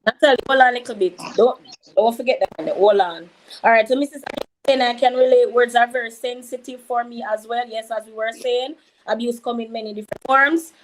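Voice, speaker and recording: A woman's voice: fairly high pitch, a little hiss or hum, low-quality recording. Jamaican woman reading out chat. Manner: reads out viewer comments, shouts out names. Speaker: livestream host reading chat. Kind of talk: casual livestream chat.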